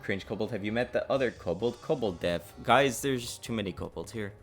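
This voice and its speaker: A man's voice: lowish voice, fairly quick, faint music behind. A man developing a game on a livestream, rambling with lots of fillers and swearing at his code. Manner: swears and blurts confused exclamations. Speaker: indie game developer streaming. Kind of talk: casual livestream chat while coding.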